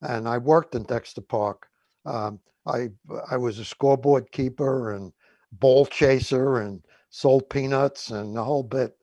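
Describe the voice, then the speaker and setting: A man's voice: mid-range voice, unhurried, dark tone, no echo. An older man in his seventies or beyond with a New York accent, chatting in a rambling, hesitant way as a radio co-host. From Woodhaven, Queens, New York. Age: 70s or older. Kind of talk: casual reminiscing radio chat.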